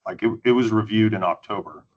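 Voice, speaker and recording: A man's voice: on the low side, quick pace, muffled recording. A man testifying as a witness at a hearing over a video call, giving brief, matter-of-fact answers. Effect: heard over a video call. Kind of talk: answering questions under examination.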